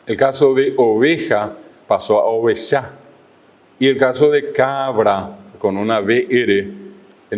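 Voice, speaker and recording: A man giving an online language lecture, slowing down to spell out syllables as he explains. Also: mid-range voice. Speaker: language teacher.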